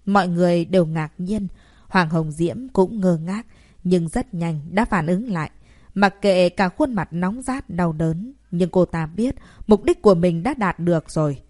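A woman's voice: on the low side, unhurried, darkish tone, no echo, studio quality. Woman narrating a drama story. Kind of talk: audiobook narration.

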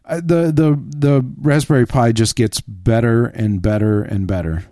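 A man's voice: medium pitch, unhurried, mellow, no echo, studio quality. A man co-hosting a tech podcast, chatting in an informal, opinionated way. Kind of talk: casual chat.

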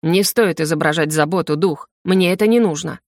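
A woman's voice: sits low, moderate pace, no echo, voice pushed down. A woman reading the part of a cold, commanding male general in an audiobook, speaking dryly and curtly. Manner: dry and cold.

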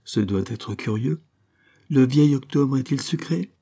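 A man's voice: medium pitch, animated, a little slow, vocal fry, warm tone, pitched above the performer's own voice. A man voicing a playful, spoiled young countess with a teasing, imperious manner. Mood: curious.

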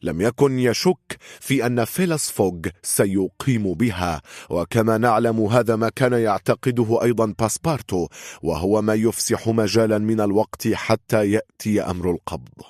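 A man narrates an audiobook in a steady, measured reading voice that sits on the low side. The studio-quality recording has no echo.

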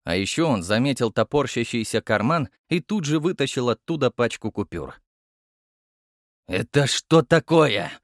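A man narrating an audiobook in an expressive storytelling manner. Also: medium pitch, a little fast, few pauses, no echo, studio quality. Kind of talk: scripted narration.

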